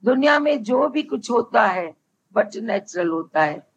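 A woman spiritual teacher giving a devotional discourse, speaking slowly and deliberately and repeating her key phrases. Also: fairly high pitch, animated, gravelly. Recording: dull lo-fi with faint background hum.

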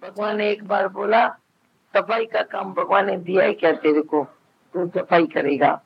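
A man's voice: high-pitched, fairly even intonation, unhurried, vocal fry, muffled recording, a little hiss or hum. A man giving a spiritual discourse, talking conversationally and acting out little dialogues between family members. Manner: conversational preaching, quoting others in dialogue. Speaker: spiritual teacher. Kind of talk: satsang discourse.

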